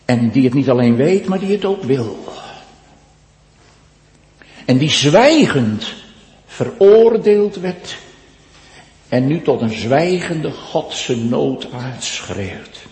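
Male preacher, sermon in a church, rises loud then goes hushed, lots of pitch swing, long echo. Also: lively intonation. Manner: slow solemn preaching, swelling loud then dropping to hushed. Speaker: pastor. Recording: echoey church with long reverb.

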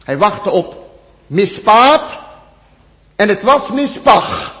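A man preaching a sermon to his congregation, repeating phrases with emphasis, swinging from loud peaks to near-whispered drops. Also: sits high, very animated, very slow, big-room sound. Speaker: pastor.

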